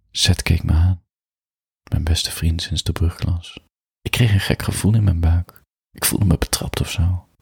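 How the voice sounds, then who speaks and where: A young man narrates a first-person story in a blunt, introspective manner. His voice is deep and gravelly with a husky edge, recorded close and dry. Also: a little mellow, dry recording. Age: young adult.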